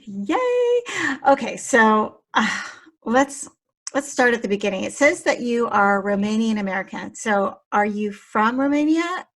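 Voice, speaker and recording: Woman, podcast host, fairly high voice, enthusiastic, gushing, casual interview. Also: sing-song, measured pace.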